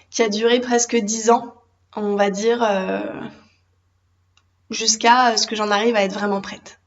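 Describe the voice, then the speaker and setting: Gentle reflective French woman, slightly muffled. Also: medium pitch. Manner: gentle, reflective, many hesitations. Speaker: life coach for women. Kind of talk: personal confiding talk to camera. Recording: slightly dull lo-fi sound.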